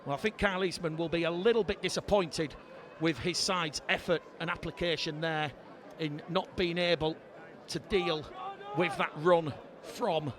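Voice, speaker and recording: High-pitched male sports commentator over crowd. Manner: rises to excited shouting on scoring plays. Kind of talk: live rugby league commentary. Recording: loud crowd and stadium noise. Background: crowd noise.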